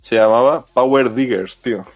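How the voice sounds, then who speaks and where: Excitable man, casual podcast chat. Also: mid-range voice, normal speed, highs cut off. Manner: excitable, slangy, repetitive. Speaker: podcast host.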